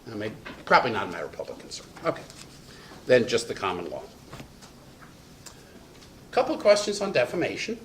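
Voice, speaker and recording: A man teaching a law lecture for bar exam prep, acting out examples with sudden dramatic jumps in pitch. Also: wildly swooping pitch, brisk, pauses often, a little hiss or hum.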